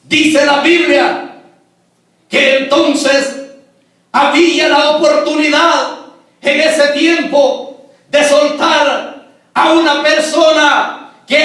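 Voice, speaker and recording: High-voiced fervent preacher man. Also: flat delivery, slow, pauses often. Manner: fervent, bursts into shouts on key phrases; addresses the congregation as brothers. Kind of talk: Sunday sermon. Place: large church hall. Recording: echoey church hall from far off.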